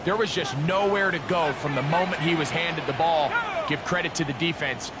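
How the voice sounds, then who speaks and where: A man's voice: fairly high pitch, normal speed, very noisy, natural voice. A man giving conversational, emphatic analysis as a football color commentator.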